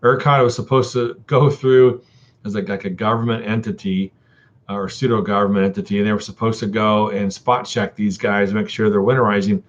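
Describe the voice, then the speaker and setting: A man's voice: lowish voice, steady tone, brisk. Rambling man on a lo-fi stream. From Texas. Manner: rambling, many ums and uhs; folksy, addresses viewers as buddy and dude. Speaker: live streamer. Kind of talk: casual live-stream chat with viewers. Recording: dull lo-fi stream audio.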